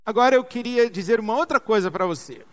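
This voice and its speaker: Man, Brazilian accent, sermon, high voice, emphatic repetition. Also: quick pace. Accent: Brazilian Portuguese. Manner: emphatic, repetitive, rhetorical questions. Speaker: preacher.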